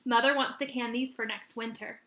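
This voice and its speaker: A woman voicing a brisk, protective mother in a children's storybook, motherly and emphatic. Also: on the high side, steady tone, fairly bright tone, echoey room, slight background noise.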